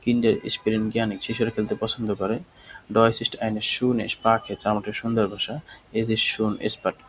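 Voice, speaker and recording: A man's voice: lowish voice, little pitch movement, fast, a bit bright, a little hiss or hum, low-quality recording. A man teaching a language class, explaining step by step and answering his own questions. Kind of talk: spoken language lesson.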